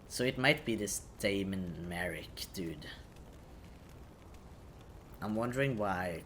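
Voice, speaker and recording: Slow, low-pitched man thinking aloud. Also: fairly bright tone, a little hiss or hum. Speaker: gaming commentator. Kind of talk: casual playthrough commentary.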